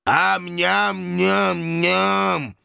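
A man's voice: sits high, flat delivery, very slow, creaky, pushed and bright, clear, resonant tone, dry recording, clean studio sound, voice pushed up, heavily acted. A man voicing a hungry, simple-minded beast servant who speaks in broken phrases about himself in the third person. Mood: greedy. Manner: broken childlike speech, growls, talks of himself in third person. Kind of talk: audiobook character voice.

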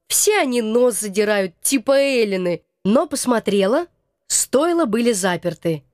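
Wry high-voiced woman narrating a story. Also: a little mellow, no echo, clean studio sound. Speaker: audiobook narrator. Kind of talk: first-person audiobook narration.

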